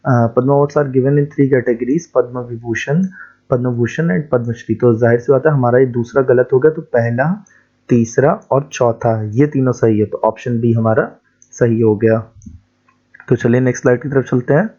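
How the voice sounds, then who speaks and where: A man teaches a quiz lesson from slides and repeats every key answer. His voice is mellow and a little rough from a sore throat. The recording sounds dull and lo-fi. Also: mid-range voice. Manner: explains step by step, repeats key answers, reads English slowly.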